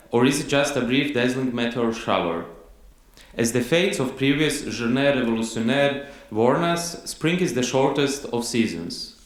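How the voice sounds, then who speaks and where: In a very echoey hall, a man with a Croatian accent delivers a measured conference lecture at a middle pitch. He pauses often on "uh" fillers and reads quotations slowly.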